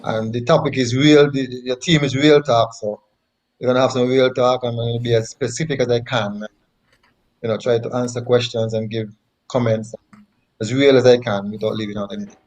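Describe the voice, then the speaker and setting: A man's voice: mid-range voice, steady tone, fairly quick, darkish tone, poor audio. A man from Nevis with a Nevisian Caribbean accent, telling personal stories conversationally and repeating phrases for emphasis. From Nevis, Saint Kitts and Nevis. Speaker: interview guest, former track athlete.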